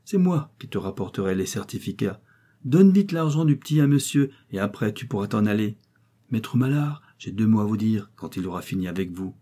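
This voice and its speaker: A man voicing a sly, cheerful seventy-year-old miller who talks in a lively, mocking way. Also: lowish voice, a little fast.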